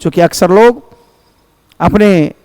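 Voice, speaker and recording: Man, English teacher in a Hindi lesson, slow delivery, crisp voice, dry room. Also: high voice, warm tone, no echo. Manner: slow, repeats each phrase with a Hindi gloss; calls students "my children".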